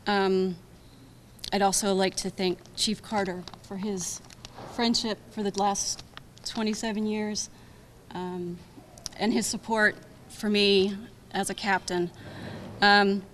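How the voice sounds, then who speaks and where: A woman's voice: medium pitch, slight background noise. A woman, a retiring police captain, giving a heartfelt, grateful farewell speech at her reception. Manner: heartfelt, grateful, gets emotional. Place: municipal reception room.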